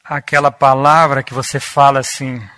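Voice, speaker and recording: A man preaching a Bible-teaching sermon, deliberate and repeating key words for emphasis. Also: medium pitch, little pitch movement, pushed and bright.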